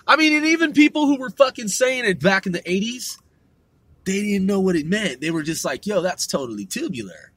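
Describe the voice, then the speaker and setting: With a high-pitched, husky, and fairly bright voice, this middle-aged West Coast podcast host talks expressively and fairly quickly. His solo show is a laid-back, rambling monologue packed with slang, curse words, and fillers, recorded with no echo.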